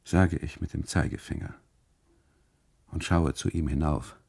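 A weary brooding husband, gravelly. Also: male voice, fairly even intonation, darkish tone, no echo, heavily acted. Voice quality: gravelly, husky low voice. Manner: slow, inward, musing delivery. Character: brooding German husband on an unhappy holiday, weary. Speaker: first-person narrator of a radio monologue. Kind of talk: introspective radio drama monologue.

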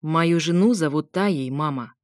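A woman's voice: low-pitched, measured pace, a little mellow, no echo. A woman voicing a cold, resolute young man who speaks in a clipped, dry way.

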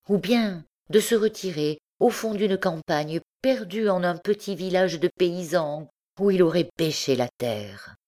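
A woman reading literary fiction aloud as an audiobook narrator, measured and with dramatic pauses. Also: low voice, darkish tone. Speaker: audiobook reader.

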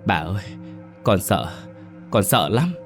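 A man's voice: low voice, very animated, slow, gravelly, music in the background, heavily acted. A man voicing a terrified young boy who stammers and trembles.

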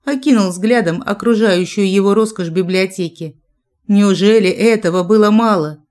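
A woman's voice: moderate pace, a little mellow. A woman reading a dramatic story aloud, lifting her voice for the quoted lines. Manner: dramatic, raises pitch and volume for quoted lines. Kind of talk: audiobook narration with character voices.

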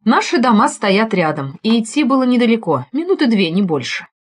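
A woman narrates a crime story aloud, her voice rising and falling with lively, animated pitch. Her delivery is dramatic and expressive, in audiobook storytelling style. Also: brisk, breathy edge. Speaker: audiobook reader. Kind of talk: first-person scripted narration.

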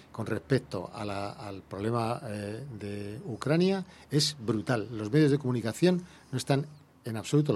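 A man's voice: mid-range voice, a little mellow, slightly rough. A man with an Andalusian Spanish accent, an environmental activist guest in a radio interview, talking heatedly and firing off rhetorical questions.

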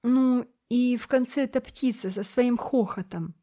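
A woman's voice: a little slow, warm tone, close to an everyday voice. A woman voicing a frightened teenage boy who pleads and protests in a raised, breathless voice. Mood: pleading. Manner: breathless, high pleading cries.

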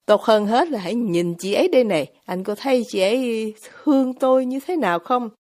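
A woman voicing a gentle, devout young man in an audiobook, speaking earnestly and firmly. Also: on the high side, lively intonation, fairly quick, lightly acted. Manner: earnest, firm, heartfelt. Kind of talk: audiobook character reading.

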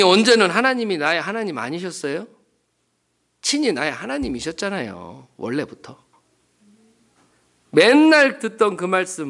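A man's voice: high-pitched, fairly bright tone. A male pastor preaching a sermon at a Wednesday prayer meeting in a church, telling a story and asking the congregation rhetorical questions.

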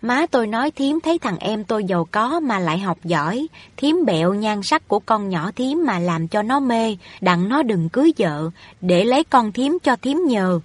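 A woman's voice: medium pitch, big pitch swings, moderate pace, few pauses, slightly rough, dry recording. A woman voicing a haughty wealthy young woman in a storybook reading, scolding and overbearing. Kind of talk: audiobook reading of a novel.

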